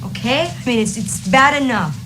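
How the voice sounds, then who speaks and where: A woman's voice: fairly high pitch, animated, normal speed, natural voice. A woman acting a weary, protective, pleading mother in a film drama, in a noisy clip. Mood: pleading, firm.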